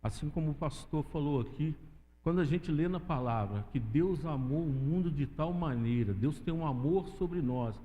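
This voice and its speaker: A man's voice: on the high side, moderate pace, warm tone. A man from Brazil giving a preaching testimony in church, often calling listeners "dear". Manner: addresses listeners as "querido". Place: church sanctuary. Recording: long church-hall reverb.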